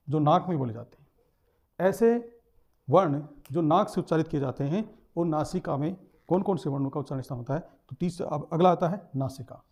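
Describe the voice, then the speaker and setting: A man's voice: fairly high pitch, mellow. A man teaching a lesson, explaining step by step, repeating terms and sounding out letters.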